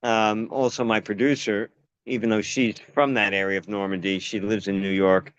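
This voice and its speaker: Speaking on the low side with little pitch movement and at a normal pace, this American actor and playwright chats informally, rambling through anecdotes and repeatedly restarting sentences. The tone is clean, with no echo, though the audio is dull.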